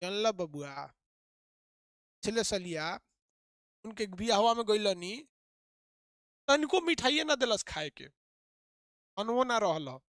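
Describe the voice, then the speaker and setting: Village gossip woman with a Bhojpuri accent, drawn-out and grumbling, put on by a male teacher in a dry room. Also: high voice, expressive, fairly bright tone, dry recording, full character voice. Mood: complaining. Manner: slow, drawn-out complaining with long pauses.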